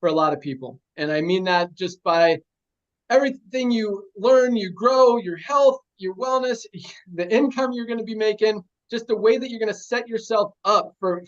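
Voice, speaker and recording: A man's voice: high voice, a bit bright, highs cut off. A man hosting a company sales call, giving a hyped motivational rally speech full of rallying cries.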